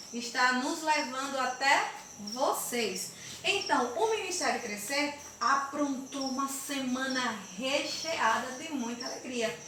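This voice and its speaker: A Brazilian woman teaching a Bible lesson to children in an animated sing-song manner, recorded in an echoey room from a distance. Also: sits high. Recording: echoey room, distant mic, faint noise.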